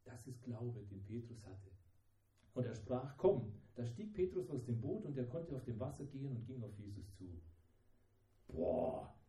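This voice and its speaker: A man's voice: mid-range voice, lively intonation, moderate pace, mellow, echoey room, rough recording. A man preaching a sermon in a dramatic way, acting out the voices of the people in the story. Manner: dramatic, acts out the disciples' voices.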